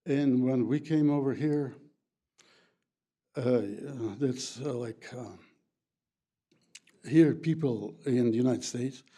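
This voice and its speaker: Speaking as a local resident at a county board meeting, an older man from the former Soviet Union struggles through his comment in English. Plattdeutsch is his native language, and his mellow, medium-pitched delivery is riddled with fillers and faulty grammar.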